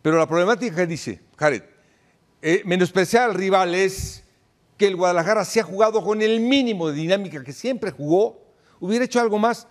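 A man's voice: high voice, fairly quick. An older man with a Mexican accent, a soccer pundit arguing emphatically in a studio debate. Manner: emphatic, laughs while pleading.

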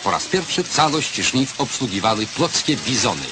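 A man's voice: mid-range voice, very animated, moderate pace. A man giving formal, declamatory commentary in the manner of an old newsreel narration. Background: background music.

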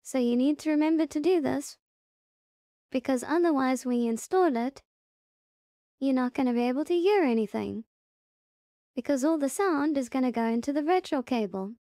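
A tutorial presenter walks through software casually in a high, mellow voice with lively intonation at normal speed. She gives instructions one step at a time, pauses often and circles back to remind listeners of key points. The sound is very dry, with no room or echo around it.

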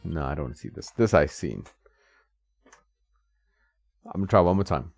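Deep and animated, with vocal fry, his voice moves a little slowly. The man hosts a gaming channel and casually comments while playing an old fighting game at home, chatting and laughing at the screen, in a dry, slightly dull recording with game music.

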